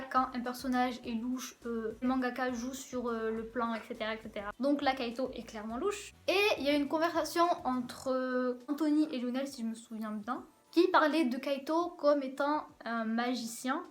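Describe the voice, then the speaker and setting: A woman reviewing anime episodes in a casual vlog, pausing often with "euh" and repeating words for emphasis. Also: high voice. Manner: hesitant, filled with frequent "euh" pauses.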